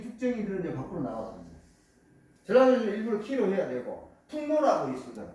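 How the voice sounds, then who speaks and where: Guy giving a folk art lecture, high lively voice, lots of bounce, big echoey hall, sounds far from the mic. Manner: explains while pointing to objects, many repeated "이렇게"; lively, rising and falling delivery. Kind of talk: public lecture.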